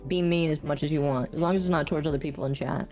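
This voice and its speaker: A woman's voice: low voice, steady tone, very fast, mellow, faint music behind. A woman streamer chatting casually while she plays a game, her voice run through a robotic voice changer that makes it sound metallic. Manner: chatty, amused running commentary. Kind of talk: casual live-stream chat while gaming.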